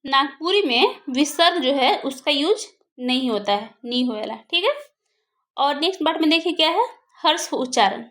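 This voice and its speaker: A woman's voice: high voice, animated, normal speed, fairly bright tone. A woman teaching a grammar lesson for exam preparation, who asks questions and answers them herself.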